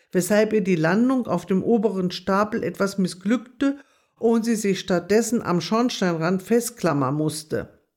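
A woman narrating a children's animal story in a calm, gentle reading voice. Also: mid-range voice.

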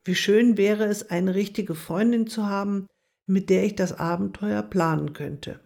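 A woman voicing a dreamy, kind young female mouse in a gentle storybook reading. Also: mid-range voice, measured pace, vocal fry.

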